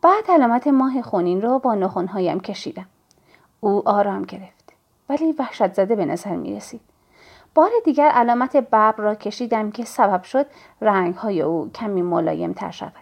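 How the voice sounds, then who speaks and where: A woman's voice: mid-range voice, animated, creaky. Woman reading an audiobook. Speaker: audiobook narrator. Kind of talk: scripted first-person narration.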